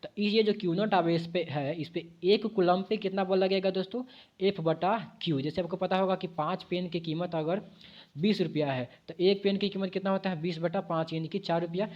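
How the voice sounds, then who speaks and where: A man with a high-pitched voice explains physics for exam preparation. He works through each point step by step, corrects his own slips, and keeps asking the viewers to repeat answers back to him. The sound is dull and lo-fi. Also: steady tone, fairly quick, darkish tone. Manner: explains at a board with self-corrections. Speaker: physics teacher. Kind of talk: exam-prep physics lesson.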